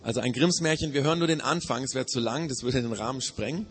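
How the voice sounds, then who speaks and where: A man's voice: medium pitch, fast talker, a little hiss or hum. A man hosting a spoken program, introducing a segment in loose, chatty explanations. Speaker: host.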